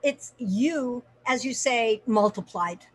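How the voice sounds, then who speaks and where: An older woman in her seventies chatting as a guest, bubbly and laughing easily. Her voice rides high and bright with a lively, friendly lilt. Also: takes it slowly. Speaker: guest, actress. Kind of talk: casual interview chat.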